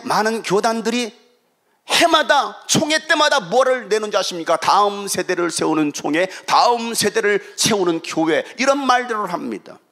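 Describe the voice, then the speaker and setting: Fiery bright-voiced Korean pastor. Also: male voice. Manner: swings between loud shouting and low quiet asides, acts out quoted voices. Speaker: guest pastor. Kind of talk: revival sermon.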